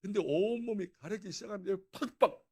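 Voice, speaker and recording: A male pastor with a notably high-pitched voice tells a personal testimony during a dawn prayer service. He preaches in an animated, storytelling way, often breaking into laughter. The sound is that of a church sanctuary. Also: fast, breathy edge.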